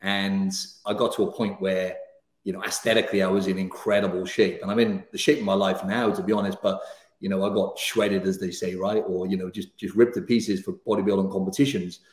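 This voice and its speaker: Chatty Welsh man with a low voice. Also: little pitch movement, fairly quick, a little mellow, echoey room. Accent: Welsh, softened by years in Australia. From Wales. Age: 30s. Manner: chatty and upbeat, many fillers like "you know" and "right". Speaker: guest, fitness coach. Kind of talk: casual interview chat. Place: home room, indoors. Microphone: studio mic on video call.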